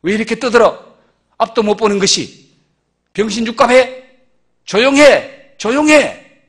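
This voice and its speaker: A man's voice: extremely high pitch, expressive, unhurried, a bit bright, husky, exaggerated voice. A man preaching while voicing an irritated crowd that scolds a blind beggar into silence. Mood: scolding. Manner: scolding, dismissive.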